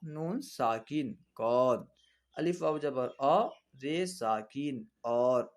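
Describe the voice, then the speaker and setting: Slow, patient male reading teacher. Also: fairly high pitch, a little mellow. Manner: spells out letters and vowel marks, repeating words aloud for students; patient, instructive. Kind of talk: classroom reading lesson.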